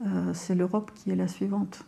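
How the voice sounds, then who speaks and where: A woman from Ukraine, a lawyer, giving a halting, emotional testimony in a recorded video. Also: lowish voice, level tone, vocal fry, dark tone. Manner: halting, emotional, many fillers.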